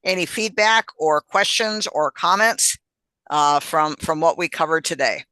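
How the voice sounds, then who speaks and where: A man's voice: a little high, measured pace, bright, forceful tone, clean tone, dry recording. A man leading a hobby meetup on an online call, explaining casually with many fillers and restarts. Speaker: meetup organizer and instructor.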